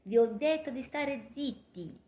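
A woman's voice: medium pitch, measured pace, gravelly, mellow. A woman voicing a harsh male SS soldier who gives curt orders and threats, in an audiobook reading. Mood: threatening. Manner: curt, commanding. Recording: roomy echo.

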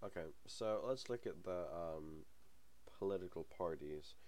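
With a cold and frequent sniffles, a young man provides casual commentary for his gaming channel's let's-play, and it feels easygoing and homemade. His voice is low and deep, and he rambles, pauses on many ums, and laughs softly at himself here and there. The pace is measured, the tone a little mellow.

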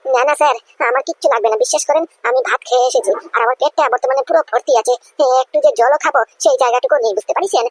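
A woman's voice: high voice, very fast, dry recording. A woman voicing a humble, polite young man in a cartoon who stays suspicious. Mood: wary. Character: humble young man, the boss's son-in-law.

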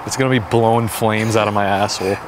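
Low-voiced young man with a burning mouth. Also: fairly even intonation, fast. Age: young adult. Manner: complaining about a burning mouth from spicy food. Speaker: challenge vlogger. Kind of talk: casual banter with profanity. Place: outdoors on a backyard wooden deck. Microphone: camera a few steps away. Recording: noisy outdoor recording, some traffic ambience.

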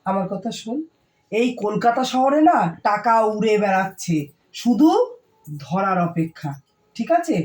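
A woman playing a scolding, hoarse Kolkata mother. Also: mid-range voice, lively intonation, measured pace, long pauses, natural voice. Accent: Kolkata Bengali. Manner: scolding, nagging, raised voice. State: hoarse from a cold. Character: scolding strict Bengali mother, middle-aged. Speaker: mother in a short family skit. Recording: echoey room, voice from far off.

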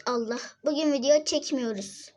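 A woman's voice: high-pitched, normal speed, a little mellow, natural voice. A girl voicing a busy young mother in a doll-game role-play, fussing at her kids and nagging about chores. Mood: scolding. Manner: scolding, fussing.

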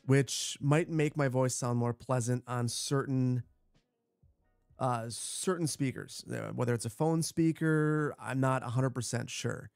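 A man with a boomy, bass-heavy sound on a close broadcast microphone, chatting casually and repeating short phrases as he hosts a gaming livestream. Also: measured pace, creaky, darkish tone, dry recording, soft background music. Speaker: livestream host, gamer. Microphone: close broadcast dynamic microphone.

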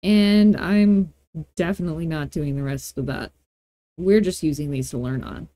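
A woman hosts a casual screencast tutorial in a relaxed, warm, deep voice at a normal pace, recorded dry and close. She explains each step informally, tossing in playful asides.

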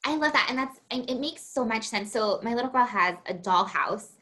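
A woman's voice: fairly high pitch, animated, a little fast. Woman host chatting with a guest, agrees a lot, says um and sort of a bunch. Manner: warmly affirming, lots of "um" and "sort of". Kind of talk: interview conversation.

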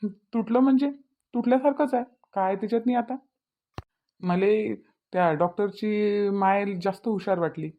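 A woman's voice: mid-range voice, normal speed, lo-fi sound, close to an everyday voice. Woman doing a smug, spiteful young man. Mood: gloating. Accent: Vidarbha Marathi. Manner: taunting, smug. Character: spiteful young man, gloating over his revenge.

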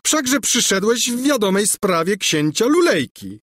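A man's voice: high voice, big pitch swings, measured pace, fairly bright tone, no echo, clean studio sound, voice pushed up, exaggerated voice. A man voicing a pompous, boastful young prince.

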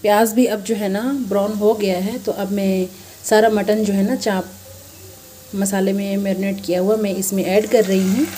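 A woman's voice: mid-range voice, steady tone, normal speed, noisy background. A woman hosting a casual home cooking demonstration, chatting with viewers as friends and explaining each step. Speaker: cooking channel host. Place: home kitchen at the stove. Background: frying and sizzling from the pan.

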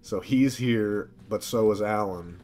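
A gaming streamer with a lowish, slightly mellow voice offers casual let's-play commentary at a measured pace, muttering short fragments to himself. Faint game music plays behind him.

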